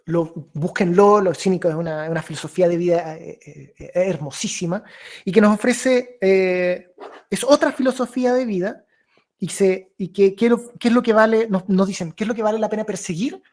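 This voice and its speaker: A young man leading an informal philosophy talk for a reading club. He thinks aloud with many restarts and hesitations, and acts out inner voices and quoted remarks in lively mock tones. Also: high-pitched, normal speed. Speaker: discussion leader.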